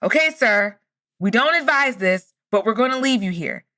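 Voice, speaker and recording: A woman's voice: a little high, lively intonation, normal speed, pushed and bright. A woman voicing a polite rescue crew on a boat, speaking in a formal, courteous manner.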